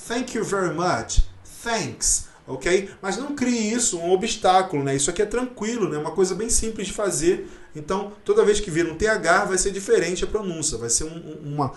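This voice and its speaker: A man teaching a casual online English lesson, explaining slowly and checking in often with short tag questions. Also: sits high, echoey room.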